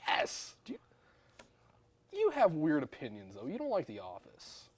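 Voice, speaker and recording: Brief: young male co-host, playful and teasing, lively up-and-down delivery. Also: on the high side, unhurried. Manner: joking, teasing, animated. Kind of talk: casual chat.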